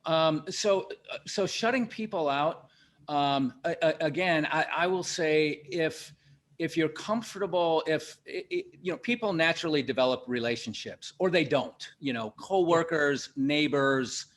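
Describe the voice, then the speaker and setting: Man, interview host, hesitant, stop-start, somewhat high voice. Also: moderate pace, fairly bright tone. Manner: hesitant, many restarts. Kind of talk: interview questions.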